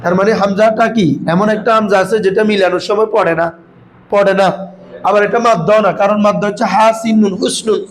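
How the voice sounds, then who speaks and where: A man's voice: sits high, fairly even intonation, quick pace, poor audio. A man teaching Arabic grammar to a class, often quizzing his students and calling them "baba". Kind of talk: classroom lesson.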